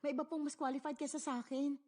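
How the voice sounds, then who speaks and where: A woman dubbing a flustered, timid young office worker who pleads in a high, anxious voice. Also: level tone, fast talker, mellow, natural voice. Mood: hesitant. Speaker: dub actress voicing a young office worker.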